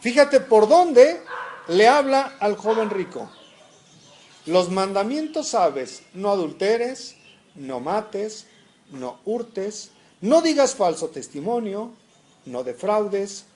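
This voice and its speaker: A man's voice: high voice, big pitch swings, takes it slowly, a little mellow. A man preaching a sermon to his congregation, reading scripture aloud and asking the listeners questions.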